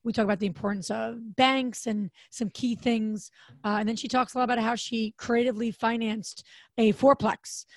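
A woman co-hosting a podcast in a casual chat, her voice raspy and hoarse, with a chatty manner full of restarts. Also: steady tone, normal speed, dry recording. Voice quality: raspy, deep voice. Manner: chatty, frequent restarts and fillers. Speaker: podcast co-host.

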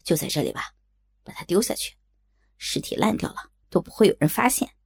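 A woman voicing a cautious, weary older male bandit who scolds his reckless junior in a lowered voice, for an audiobook. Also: very animated, fairly quick, creaky, husky, full character voice. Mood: scolding.

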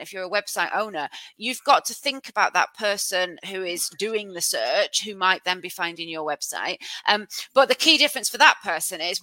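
A woman's voice: mid-range voice, bright, forceful tone, no echo, rough recording. A woman hosting a podcast in a conversational way, explaining things plainly and with emphasis. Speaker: podcast host.

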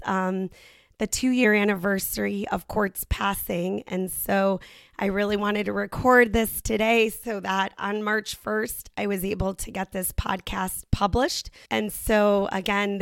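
Hoarse, raspy-voiced woman podcast host. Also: medium pitch, a bit bright, dry recording, clean studio sound. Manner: candid and conversational. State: hoarse with laryngitis. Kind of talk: personal faith podcast monologue.

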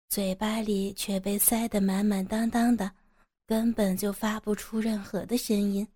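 A woman narrating an erotic audio story in a slow, even reading voice. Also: fairly high pitch, no room sound, clean studio sound.

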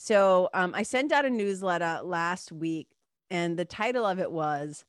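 Her nose blocked up and nasal, a woman runs a solo podcast, chatting casually and playfully with a little swearing. Her voice is fairly low, clear and resonant at a measured pace, captured dry and at studio quality.

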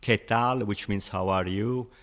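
A man with a fairly low voice talks through his points patiently, stacking up examples the way a friendly teacher would. English is not his first language, and he keeps the tone relaxed and conversational, as a guest in an interview. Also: measured pace. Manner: patient, explains with examples, chuckles often. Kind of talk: casual explanatory chat.

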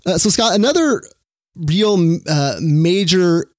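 A podcast host speaks earnestly and warmly affirms what his guest says. His voice sits a bit higher than most men's and sounds dry and close to the mic. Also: animated, slow pace, no room sound. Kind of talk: interview hosting.

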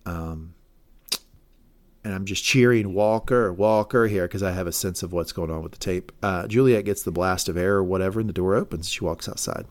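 A low-voiced man speaking at a moderate pace co-hosts a podcast, recapping a TV episode. He rambles, corrects himself along the way, and speculates on what happens next.

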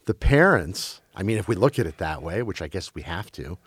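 A man's voice: low voice, very animated, brisk, breathy edge, dry recording. A man who grew up in Belgium, talking casually about film and streaming, with many restarts and fillers.

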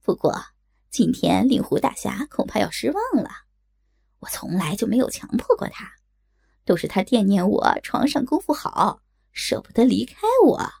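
A cruel, shrill-voiced outlaw man, as a woman narrator puts him on, who cackles and taunts with a gravelly, husky edge. His pitch swings widely as he sneers. Told in an audiobook story. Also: big pitch swings, moderate pace, darkish tone, no echo, studio quality, heavily acted. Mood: mocking.

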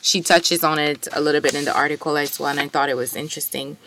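A woman's voice: deep voice, steady tone, quick pace, noisy background. A woman whose first language is French, co-hosting a casual, enthusiastic discussion of articles and poetry.

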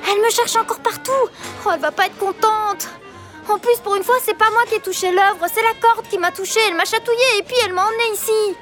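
A woman's voice: very high voice, fairly even intonation, fast talker, fairly bright tone, faint music behind. A woman voicing a curious, imaginative little girl in a children's audio drama, with a breathless, giggly manner. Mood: worried.

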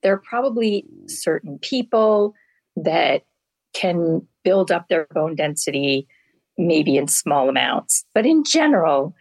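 Gravelly low-voiced woman doctor. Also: very animated, takes it slowly, a little mellow, no echo, low-quality recording. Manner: candid, explains with homely comparisons. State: hoarse from allergies. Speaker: family medicine doctor, guest. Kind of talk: casual interview answers.

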